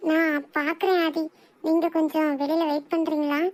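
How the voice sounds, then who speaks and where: A woman voicing a calm, reassuring female doctor in a cartoon drama. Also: sits high, normal speed, close to an everyday voice. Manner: calm, explanatory. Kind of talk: amateur cartoon voice acting.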